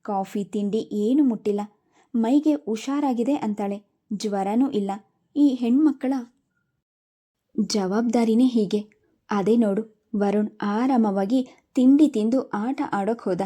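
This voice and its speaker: A curt old grandmother who grumbles and scolds in short, clipped replies, as a woman reads her lines. The voice sits fairly high, with a dark, mellow tone. It is a storybook reading. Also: a little slow, pauses often. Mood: grumbling.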